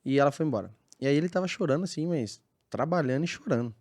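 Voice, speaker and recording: A man's voice: fairly high pitch, fast. Sao guy on a podcast, acts out his convos, voice jumps around a lot. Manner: animated, acts out dialogue in lively voices. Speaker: burger restaurant owner, guest. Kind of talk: casual podcast storytelling.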